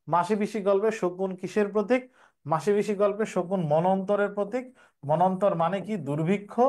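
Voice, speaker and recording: A man's voice: sits high, a little mellow. A young man, teaching an exam preparation class and explaining step by step, repeating each question before answering it.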